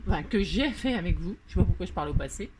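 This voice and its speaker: A woman's voice: fairly low pitch, animated, racing, noisy background. A woman with a French accent hosting a casual crafting tutorial, chatty and self-mocking, full of fillers and repeated words.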